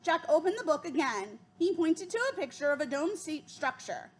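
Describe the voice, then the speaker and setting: A woman reading a children's chapter book aloud, giving the children's lines a higher voice. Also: sing-song, normal speed. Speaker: reader.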